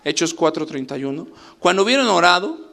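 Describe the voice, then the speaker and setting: A male pastor preaching a sermon, animated, acting out little scenes as he goes. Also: a little high, a little fast. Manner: animated preaching, acts out scenes with shifting voices.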